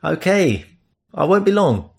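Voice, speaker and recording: A man voicing a guarded, unsure young boatman who talks in halting phrases, reading from a romance audiobook. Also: a little high, very animated, gravelly, pitched above the performer's own voice, heavily acted. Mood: relieved.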